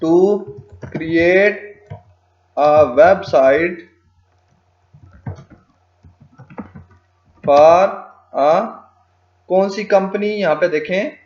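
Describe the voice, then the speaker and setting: A man walks through a tutorial at a very slow pace, spelling out English phrases one word at a time as he types them and dropping in short fillers between steps. His voice sits a little high for a man. It comes through as a dull, lo-fi recording in an echoey room. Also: darkish tone. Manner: frequent fillers "ok ji" and "theek hai". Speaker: freelancing tutor.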